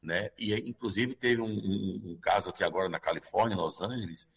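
A man's voice: lowish voice, brisk, vocal fry, breathy edge. A man with a Brazilian Portuguese accent explaining things as a guest expert in an interview, often checking for agreement in a conversational way.

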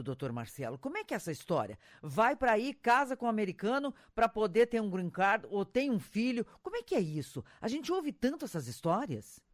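Brazilian guy hosting an interview, high pitched for a man, really dry close sound, expressive. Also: dry recording. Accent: Brazilian Portuguese. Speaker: interviewer, host. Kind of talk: interview, conversational questioning.

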